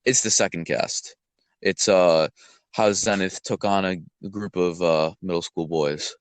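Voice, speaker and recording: A man's voice: low voice, fairly even intonation, unhurried, clean tone, no room sound. A young man co-hosting a casual podcast chat, teasing his friend in a dry way. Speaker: podcast co-host.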